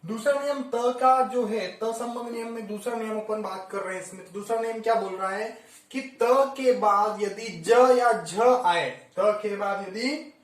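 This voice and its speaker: A man's voice: sits high, a little slow, fairly bright tone. A man teaching a Hindi grammar lesson for exam preparation, explaining each rule step by step and repeating it. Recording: echoey room, mic at a distance.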